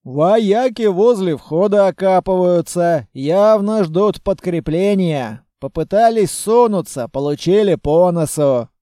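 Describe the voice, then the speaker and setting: A man's voice: high voice, animated, takes it slowly, few pauses, dark tone, dry recording, clean studio sound. Clipped soldier giving reports, voiced by a male narrator. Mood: reporting. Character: calm male soldier reporting over headset. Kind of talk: audiobook character voice.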